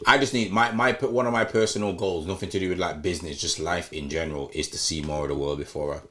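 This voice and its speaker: A man's voice: low-pitched, fairly even intonation, fast, sharp tone. A young man with a London roadman accent, thinking aloud in slangy, casual conversation. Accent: London, urban roadman slang. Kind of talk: casual group chat.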